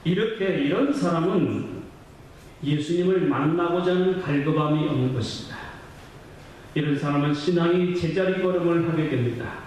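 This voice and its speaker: A male pastor preaching a sermon with impassioned fervor, his voice swelling into near-chanted shouts. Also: fairly high pitch, moderate pace, slight background noise. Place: church sanctuary. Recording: very echoey church hall, mic far off.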